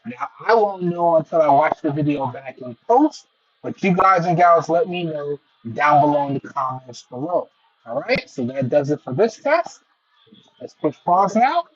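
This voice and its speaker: A man's voice: a little high, lively intonation, moderate pace, slightly rough, highs cut off. A man heard through a Bluetooth earbud mic, chatting casually at home as he tests a pair of wireless earbuds and keeps addressing his viewers. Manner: chatty and repetitive, keeps addressing "guys and gals". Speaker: tech reviewer testing earbuds. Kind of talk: casual product test vlog. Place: room at home with a TV. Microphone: wireless earbuds over Bluetooth.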